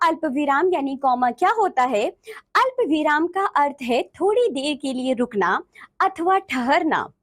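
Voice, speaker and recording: A woman teaching a grammar lesson to children, explaining each point with examples and addressing the class often. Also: high voice.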